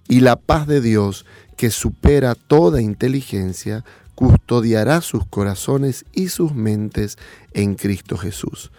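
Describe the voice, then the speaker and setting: Slow, soft-spoken male host with a mellow, low voice, dry sound. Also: lively intonation, no room sound. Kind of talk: calm talk with a Bible reading.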